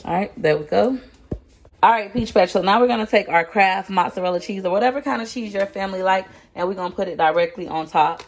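A woman's voice: medium pitch, quick pace. A woman filming a casual home cooking video, chatting folksily to her viewers while she stirs a pot. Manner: chatty, folksy, talks to viewers as Peach Patch. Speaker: cooking vlogger. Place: home kitchen.

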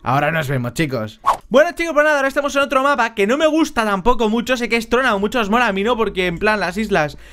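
A man with a Spain Spanish accent giving casual, joking commentary over his gameplay, talking at home into a headset mic and now and then bursting into shouts. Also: sits high, animated, quick pace, noisy background. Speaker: Minecraft gameplay YouTuber.

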